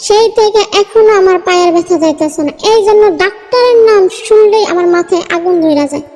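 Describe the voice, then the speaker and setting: A woman's voice: extremely high pitch, a little fast, darkish tone, long reverb tail, soft background music. A woman voicing a cheeky cartoon boy who talks back to his father. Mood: grumbling. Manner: cheeky, childlike. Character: cheeky young boy son.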